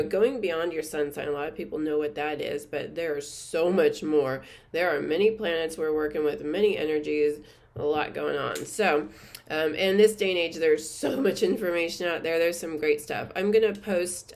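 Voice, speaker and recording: A woman hosting her own channel, chatting earnestly and reflectively to camera, with many fillers and soft laughs. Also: low voice. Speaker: spiritual teacher and channel host. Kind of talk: casual reflective monologue to camera.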